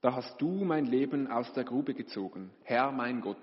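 A man reading scripture aloud in a slow, even, solemn manner. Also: medium pitch. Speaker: scripture reader. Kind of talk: liturgical Bible reading. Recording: reverberant hall, dull lo-fi sound.

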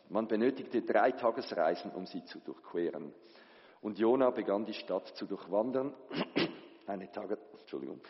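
Man, very deep voice, measured scripture reading, long hall reverb. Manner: measured, lifts voice for quoted speech. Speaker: scripture reader. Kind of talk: liturgical Bible reading. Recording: echoey hall, dull lo-fi sound.

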